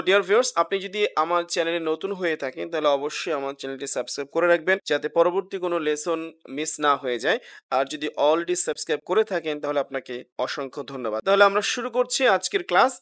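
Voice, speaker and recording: Male English tutor, slightly high voice, very lively pitch, drawn-out example sentences. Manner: exaggerates rising and falling tones in slow English examples; explains in Bengali mixed with English words. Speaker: spoken English teacher. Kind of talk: tutorial lesson with spoken examples.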